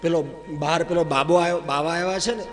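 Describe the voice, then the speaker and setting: A man as a hushed anxious maidservant. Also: fairly high pitch, fairly even intonation, quick pace, big-room sound, faint music behind, close to an everyday voice. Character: anxious female servant, whispering reports.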